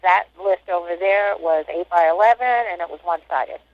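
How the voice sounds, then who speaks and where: A woman's voice: fairly low pitch, normal speed. A woman in her sixties, an inmate, recalling her past in plain, matter-of-fact talk over a muffled prison phone line. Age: 60s. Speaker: inmate interviewee. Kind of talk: casual recollection. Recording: dull lo-fi phone call.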